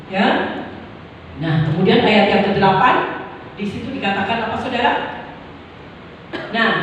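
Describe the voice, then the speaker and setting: A woman's voice: on the high side, a little hiss or hum. An older woman preaching a sermon, often calling to the congregation and acting out pleading prayers. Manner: addresses the congregation as saudara, acts out pleading prayers. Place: church hall. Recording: echoey church hall from far off.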